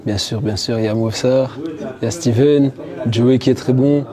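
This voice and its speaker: A man's voice: medium pitch, fairly even intonation, normal speed, a crowd in the background. A man in his twenties, an amateur fighter, answering interview questions earnestly and with growing confidence. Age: 20s. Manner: earnest, confident, sometimes boastful.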